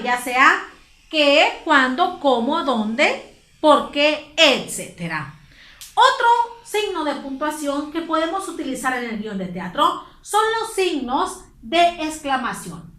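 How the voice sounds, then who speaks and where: Woman teacher, mexican spanish accent, bright voice, echoey room. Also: high-pitched. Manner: clear, patient explaining to pupils. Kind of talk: online class lesson.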